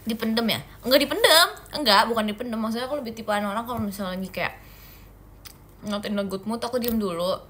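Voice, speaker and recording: Brief: playful young woman from Indonesia, idol livestream host, bright and crisp, a touch high-voiced. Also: fast. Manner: playful and teasing, giggly. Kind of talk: casual livestream chat answering viewer comments.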